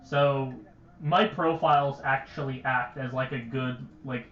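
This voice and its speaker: A man's voice: mid-range voice, steady tone, a little slow, fairly bright tone, reverberant, muffled recording, slight background noise. A young man chatting casually on a game livestream, rambling and stuttering, with lots of "like" fillers. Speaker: game streamer.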